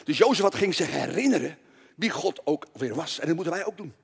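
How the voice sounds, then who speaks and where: A man preaching to children, telling a Bible story in a lively, playful way and addressing the kids directly. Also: a little high, fairly quick, creaky, husky, long reverb tail.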